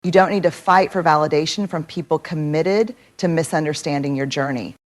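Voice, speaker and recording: A woman giving a motivational speech, measured and emphatic, building her points through repetition. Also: sits low. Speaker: motivational speaker.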